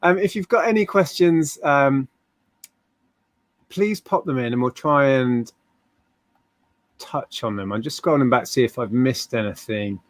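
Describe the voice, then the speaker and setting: A man's voice: mid-range voice, unhurried, long pauses, no room sound. A British man hosting a live stream in a casual, chatty style. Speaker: host.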